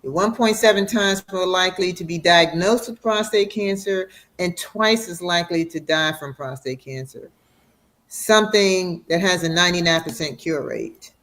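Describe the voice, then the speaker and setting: A doctor patiently explaining. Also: female voice, lowish voice. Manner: warm, explanatory, slows for emphasis. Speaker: radiation oncologist guest. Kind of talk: educational interview.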